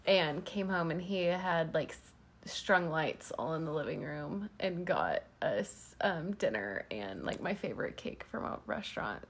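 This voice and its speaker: A young woman co-hosting a podcast in relaxed casual chat, with frequent fillers. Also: low-pitched, unhurried. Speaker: podcast co-host.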